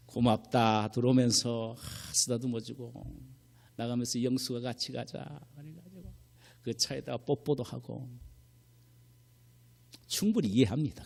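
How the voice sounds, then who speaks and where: A man's voice: medium pitch, slightly rough. Male preacher echoing through a large hall. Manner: storytelling, swinging from hushed whispers to loud exclamations. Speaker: pastor. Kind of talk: sermon. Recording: long church hall reverb.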